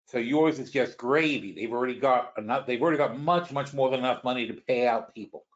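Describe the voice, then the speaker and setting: A man's voice: medium pitch, brisk, lo-fi sound. A man hosting a stock market webinar, explaining finance in a rambling way with frequent restarts and worked examples. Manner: rambling, restarts often, talks through examples. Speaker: webinar host.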